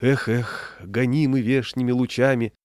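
A man voicing a dreamy, excitable city man who sighs and mutters, then bursts into excited shouts. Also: mid-range voice, a little slow, clear, resonant tone, no echo, natural voice. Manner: sighing exclamations, sudden excited shouts. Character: dreamy, excitable middle-aged man, easily distracted.

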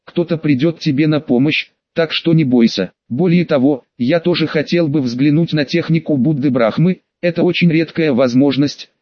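A sly, curious male Buddha with a light, teasing manner, as a male narrator puts him on. The voice sits somewhat high and comes through a dull, dry recording. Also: no echo, natural voice.

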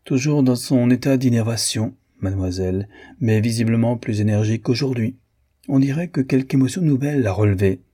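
A man's voice: mid-range voice, a little fast, warm tone, slightly rough, close to an everyday voice. A man reading the part of a teasing, indulgent older male doctor in a novel.

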